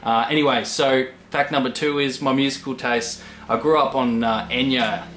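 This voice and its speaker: Young Australian man, flat delivery. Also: mid-range voice, a little hiss or hum. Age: 20s. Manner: rambling, with many pauses. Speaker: channel host. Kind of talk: casual chat to camera. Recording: echoey room.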